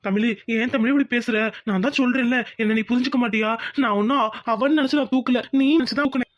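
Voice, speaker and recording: A woman's voice: on the high side, fast, natural voice. A woman voicing a young village husband who pleads earnestly with his wife and coaxes her. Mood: pleading. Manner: pleading, coaxing.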